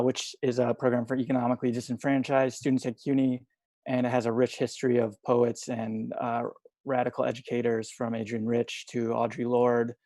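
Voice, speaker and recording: A young man reading poetry over a video call from home, soft-spoken and hesitant between poems. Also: medium pitch, creaky, dry recording. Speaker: poet reading at a livestream.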